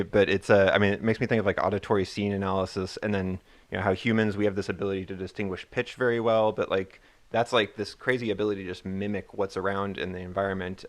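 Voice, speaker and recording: A low-voiced man hosting a podcast, asking his guest questions with many pauses and fillers. The sound is dry and close, with no room echo. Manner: hesitant, filler-heavy questions. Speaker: podcast host. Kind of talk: conversational interview.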